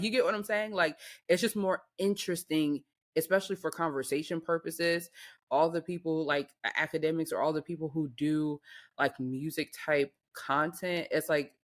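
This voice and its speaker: An American woman co-hosting a podcast, chatting casually and emphatically in slangy speech with pointed rhetorical questions. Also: low voice. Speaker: podcast co-host. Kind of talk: casual opinionated chat.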